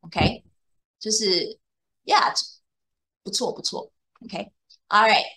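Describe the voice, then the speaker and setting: A woman with a medium-pitched, sharp-toned voice speaks at a slow pace. As an English tutor, she works one on one with a young pupil in a bilingual lesson, patiently explaining things and regularly confirming the student understands.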